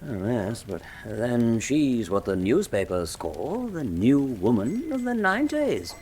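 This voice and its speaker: An actor playing a loyal, easily shocked Victorian gentleman doctor in a radio drama, expressive and gentlemanly. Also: mid-range voice, takes it slowly, slight background noise. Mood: thoughtful, pleased. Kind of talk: full-cast radio drama acting.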